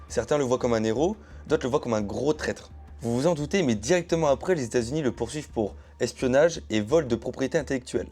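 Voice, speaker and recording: A mellow, medium-pitched YouTube storyteller narrates casually to camera in explainer style, chatting straight to viewers with asides and hedging phrases.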